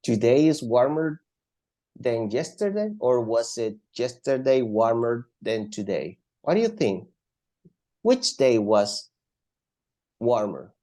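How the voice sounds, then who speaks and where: This man's mellow, medium-pitched voice is animated but unhurried as he teaches English comparatives online. Alternating languages, he patiently says words again for his students.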